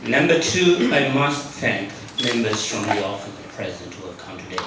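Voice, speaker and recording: Formal male moderator, lowish voice, booming room with noise behind. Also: very animated, moderate pace. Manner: courteous and formal. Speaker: conference moderator. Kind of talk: formal thanks. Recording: echoey hall, distant mic, noise.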